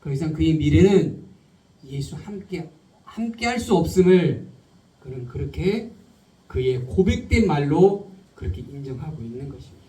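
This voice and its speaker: A male pastor preaching a sermon, firing rhetorical questions at the congregation and slowing down to stress key words. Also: on the high side, sing-song, warm tone. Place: church sanctuary. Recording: roomy hall, speaker far from the mic.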